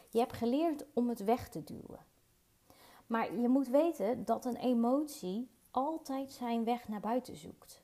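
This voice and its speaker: A woman's voice: on the high side, mellow. A woman hosting her own podcast, talking earnestly and personally about emotions, with fillers and repeated words. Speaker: podcast host. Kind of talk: reflective solo podcast talk. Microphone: podcast mic.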